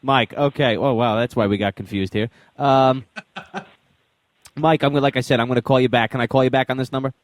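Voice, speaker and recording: A man's voice: mid-range voice, steady tone, no room sound. A young man hosting a casual radio show and chatting easily with a caller. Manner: quick, easygoing, says "bro" often. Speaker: radio show host taking calls.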